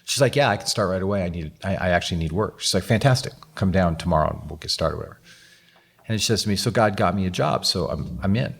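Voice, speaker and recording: A man's voice: low-pitched, fast, creaky, fairly bright tone, slightly rough. A man, a guest author, telling a story on a live podcast and acting out the quoted dialogue with animation.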